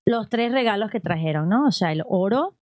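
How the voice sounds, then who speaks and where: A woman's voice: medium pitch, normal speed, no room sound, studio quality. Chatty woman musing on faith. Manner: animated, rambling, frequent "o sea" and "¿ok?". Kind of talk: casual religious conversation.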